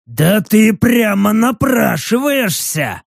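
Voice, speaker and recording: A man voicing a hot-tempered, hoarse male orc warrior who swears and threatens in an audiobook. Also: sits high, very animated, slow pace, no room sound, studio quality, pitched above the performer's own voice, full character voice. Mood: menacing.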